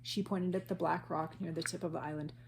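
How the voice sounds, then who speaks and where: A woman reading a children's chapter book aloud in a steady storytelling voice. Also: on the low side, brisk, creaky, slight background noise.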